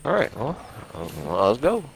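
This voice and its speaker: A young man in a gaming voice chat, quickly explaining and guiding his friends through the game. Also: medium pitch, huge pitch swings, gravelly, a little hiss or hum. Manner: quick, instructive, guiding others.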